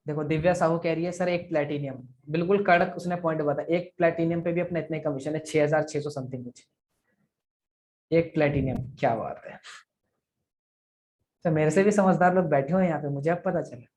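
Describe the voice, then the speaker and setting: A man's voice: fairly high pitch, brisk, pauses often, darkish tone. A man who trains affiliate marketers, coaching trainees through sales targets and repeating figures aloud in a live online session over a video call.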